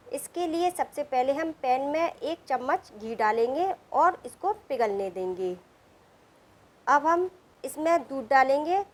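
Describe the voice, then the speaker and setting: Woman, high voice, calm cooking voice-over, steady step-by-step instructions. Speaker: cooking channel host.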